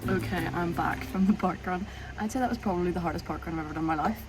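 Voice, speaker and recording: A woman's voice: lowish voice, quick pace, over loud music, rough recording. A woman chatting casually to camera as a vlogger.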